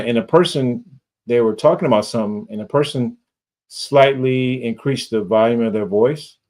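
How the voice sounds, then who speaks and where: A male podcast host with a fairly low, slightly mellow voice conducts a podcast interview. His questions are casual and rambling, packed with fillers.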